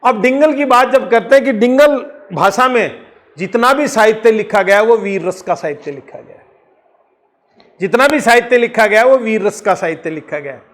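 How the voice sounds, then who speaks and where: High-voiced male teacher lecturing. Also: expressive, fairly bright tone. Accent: Rajasthani. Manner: explains slowly, repeats key points, asks and answers his own questions. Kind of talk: exam-prep lecture.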